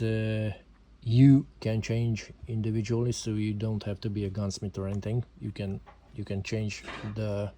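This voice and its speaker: A Hungarian-accented man explains a handgun hesitantly in a casual home video, using English as a second language and filling pauses often. An amateur gun reviewer, he has a fairly low, warm voice, and a little hiss or hum runs under the recording.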